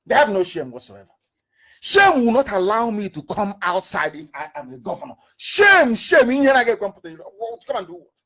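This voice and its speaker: Husky guy ranting on a broadcast, voice swings way up and down, shouts sometimes. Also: high voice, sing-song, fairly quick. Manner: fiery, rhetorical questions, repeats words for emphasis, bursts into shouting. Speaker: political broadcaster. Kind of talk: impassioned political address.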